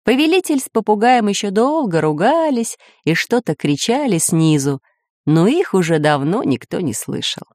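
A woman narrating a children's storybook with expressive, lively storytelling. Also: mid-range voice, normal speed, no room sound, clean studio sound.

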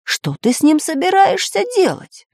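A woman's voice: deep voice, very animated, measured pace, no room sound, clean studio sound, exaggerated voice. A woman voicing a learned, fussy male geographer who explains facts in a lecturing way.

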